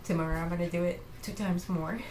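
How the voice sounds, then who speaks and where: A woman giving an earnest, halting personal faith testimony to camera, tearful and sounding like she has just been crying. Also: on the low side, fairly even intonation. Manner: earnest, halting, reassuring listeners. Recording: echoey room with faint noise.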